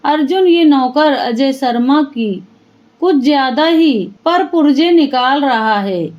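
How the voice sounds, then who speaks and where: Slow, high-voiced woman narrating a story. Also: lo-fi sound. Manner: steady, emotional storytelling. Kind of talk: first-person dramatic story narration.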